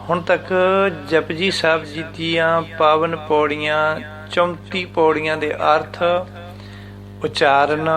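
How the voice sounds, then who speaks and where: A man teaches what scripture means and how to recite it, speaking deliberately. He repeats words syllable by syllable to demonstrate pronunciation. His voice is a little high and sharp in tone.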